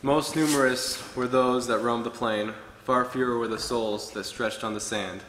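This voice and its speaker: A man's voice: mid-range voice, steady tone, moderate pace, fairly bright tone. Earnest young man preaching in echoey hall. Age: young adult. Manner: earnest, reading from notes at a pulpit. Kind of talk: sermon. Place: church hall with wood-paneled walls. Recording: echoey hall with long reverb.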